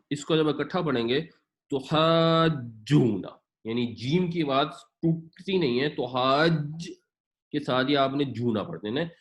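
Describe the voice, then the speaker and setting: A man teaching an Urdu Quran class, explaining patiently and drawing out Arabic words slowly to show their pronunciation, with English words mixed in. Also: on the high side. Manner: mixes English words into his speech. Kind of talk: Urdu Quran lesson with word-by-word translation.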